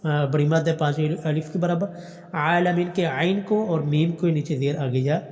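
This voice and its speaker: Man chanting slowly, teaching recitation. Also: fairly high pitch, fairly even intonation, a little mellow, big-room sound. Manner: recites verses slowly in a drawn-out chant, then explains quickly; patient, repeats and corrects. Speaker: Quran teacher. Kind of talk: Quran recitation lesson.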